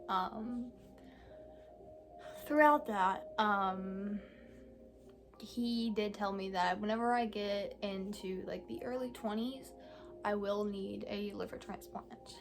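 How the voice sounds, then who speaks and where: Slow, halting young woman vlogger. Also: medium pitch, soft background music. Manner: halting, with many pauses and fillers; candid and soft-spoken. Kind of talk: casual personal vlog talk.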